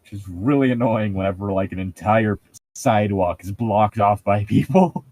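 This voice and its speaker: A young adult man co-hosting a show banters casually and reads from a book aloud, mocking it sarcastically and swearing freely. His voice is fairly low and darkish, at a moderate pace, with no echo.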